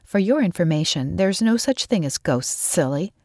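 A woman's voice: lowish voice, moderate pace, no echo, studio quality. A woman reading aloud, voicing a bold, fearless and curious girl who teases her scared friend. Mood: teasing. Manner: teasing, excited.

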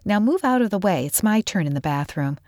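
A woman's voice: mid-range voice, brisk, no room sound, pitched above the performer's own voice, natural voice. Brief: woman voicing bold storybook girl, curious and teasing, raised voice, dry close mic. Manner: teasing, excited.

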